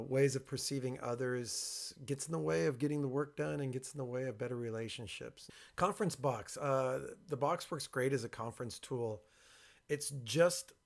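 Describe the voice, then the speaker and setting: A man presenting informally and explaining his work, speaking with a box over his head, in a creaky voice. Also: mid-range voice. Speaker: workshop creator and presenter.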